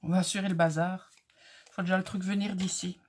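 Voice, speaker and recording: A woman's voice: on the low side, level tone, fairly quick, darkish tone, slight background noise. A woman with a light accent hosting a casual crafting tutorial, chatty and friendly as she talks viewers through each step.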